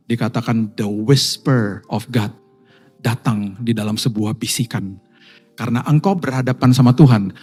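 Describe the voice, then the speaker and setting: A male pastor with an Indonesian accent preaching a sermon to his congregation, swinging between hushed, intimate passages and loud, emphatic ones. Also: medium pitch. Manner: addresses congregation as Bapak Ibu.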